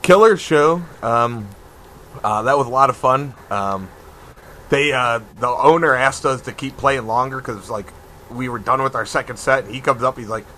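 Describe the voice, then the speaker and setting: A man's voice: medium pitch, moderate pace, pushed and bright, slight background noise, poor audio. A man co-hosting a podcast remotely from home, telling band stories in a casual chat and laughing often as he imitates people. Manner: laughing storyteller, mimics people he quotes. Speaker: podcast co-host and band guitarist.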